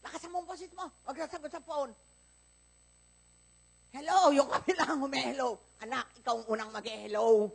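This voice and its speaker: A woman's voice: high-pitched, quick pace, creaky, few pauses, breathy edge. A woman pastor with a Filipino accent preaching a live Sunday sermon, telling stories animatedly and acting out the dialogue. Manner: animated storytelling, acts out dialogue in quoted voices. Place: church service, recorded live.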